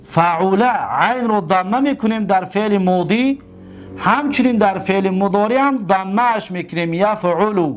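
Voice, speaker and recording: A man with a fairly high voice and a Tajik Persian accent delivers a recorded grammar lesson. He stretches each example word out slowly and keeps asking questions that he answers himself. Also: slight background noise. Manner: repeats and drawls example words slowly. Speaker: teacher of Arabic grammar.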